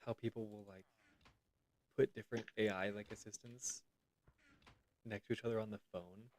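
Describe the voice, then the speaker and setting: A man's voice: lowish voice, steady tone, normal speed, a little mellow, slight background noise, rough recording. A young adult man in casual chat, hesitant and full of "like", laughing easily.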